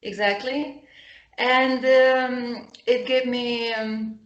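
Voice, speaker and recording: A woman of thirty from Lithuania, a guest chatting casually over a call and often pausing to search for English words. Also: a little high, steady tone, highs cut off. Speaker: guest, upcycling designer and potter. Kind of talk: casual chat. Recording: roomy echoey sound.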